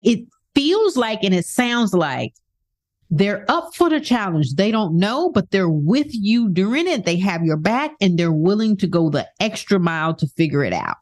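A woman's voice: medium pitch, sing-song, normal speed. Woman doing a motivational talk, voice jumps all over, super emphatic, keeps asking the listener questions. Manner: emphatic, rhetorical questions, acts out quotes. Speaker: self-help speaker. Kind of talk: motivational monologue.

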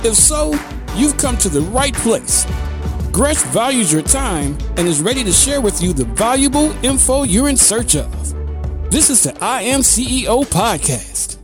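Lively promo voice over music. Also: medium pitch, unhurried. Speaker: show intro announcer. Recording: intro voice over clear music.

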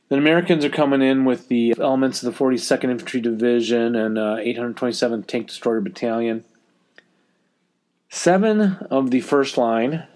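Man, podcast host, slight head cold, mid-pitched voice, casual rundown, echoey basement home recording. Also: a little mellow. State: has a cold. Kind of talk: casual hobby podcast talk. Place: basement of his house. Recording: echoey basement, lower-quality home mic.

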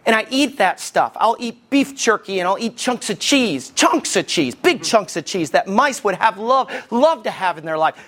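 A man, preaching a sermon as lead pastor from Alabama with folksy, animated storytelling. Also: sits high, moderate pace, few pauses.

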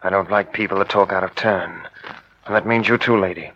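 An actor playing a cocky, threatening crook in an old radio drama, talking in a tough sneer. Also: male voice, low-pitched, a little fast, a bit bright, muffled recording, a little hiss or hum. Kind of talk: vintage radio drama acting.

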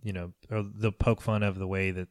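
Man, low-pitched, emphatic, cuts in, restarts sentences, casual podcast chat. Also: level tone, brisk, darkish tone. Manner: emphatic, restarts a lot, interjects. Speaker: podcast host.

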